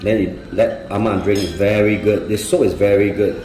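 A man's voice: fairly low pitch, fairly even intonation, moderate pace, warm tone, a little hiss or hum. A man in his forties making a casual food vlog at a restaurant table, talking in simple broken English while he eats. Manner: talks with his mouth full, simple broken English, mixing in Vietnamese. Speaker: vlogger. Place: small private room in a restaurant, indoors. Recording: echoey room with music playing.

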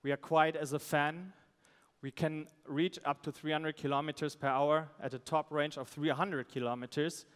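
A man, a startup founder giving a halting, pitch on a conference stage. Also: fairly even intonation, fairly bright tone, smooth. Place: stage in a large event hall. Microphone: headset. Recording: amplified voice in large reverberant hall.

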